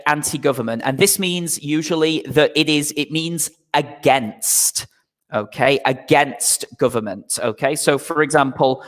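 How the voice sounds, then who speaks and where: A man's voice: on the high side, fairly bright tone, big-room sound. A man teaching an English vocabulary lesson to a live online class, patient and repetitive, checking in with "okay?" after nearly every point. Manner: patient, repeats "okay?" often, slow explanations.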